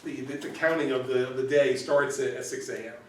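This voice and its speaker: A man teaches an informal Bible study in a casual, conversational manner. He stumbles over and repeats words and keeps checking in with "right?" His voice sits at an ordinary pitch and is captured from across a strongly echoing church room. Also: fairly even intonation, brisk, slight background noise. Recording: roomy echo, recorded from far off.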